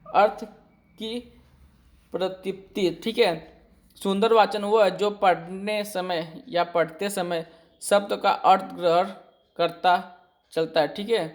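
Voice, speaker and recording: Slow, high-voiced male teacher. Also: fairly even intonation. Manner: slow and deliberate, often checking with "ठीक है"; reads a point, then restates it in simpler words. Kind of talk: exam-prep lesson, reading notes and explaining.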